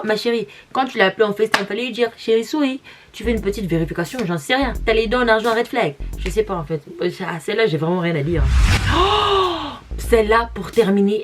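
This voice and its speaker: A woman's voice: mid-range voice, background noise. A young woman from Congo, whose first language is Lari, reacting bluntly to comments in a slangy, mocking casual vlog.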